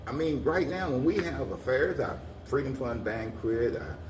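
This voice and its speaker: A man who is president of a community organization answers interview questions earnestly and at length, rambling and often repeating his phrases. His medium-pitched voice has lively intonation and a moderate pace. The recording is echoey and noisy, with the mic placed far away.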